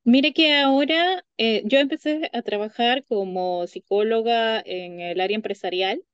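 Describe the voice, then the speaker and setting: A Honduran psychologist in her thirties is a guest in a casual interview over a video call, speaking from a home room by a window through a webcam mic. She's chatty and laughs often, with lots of fillers and restarts. Her high-ish voice is clear and resonant at a measured pace, with no room sound and lo-fi quality.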